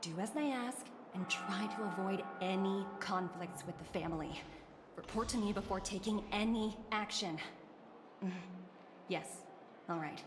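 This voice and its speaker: A woman's voice: medium pitch, unhurried, over music, natural voice. A woman voicing a businesslike, authoritative young corporate manager in a video game.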